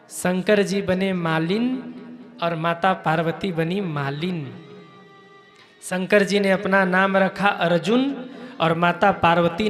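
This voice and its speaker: A man with a high voice tells a devotional story as a sermon, acting out each character's lines and slipping into song. Soft music plays faintly behind him. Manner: storytelling with acted dialogue and sung lines. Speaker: kathavachak preacher.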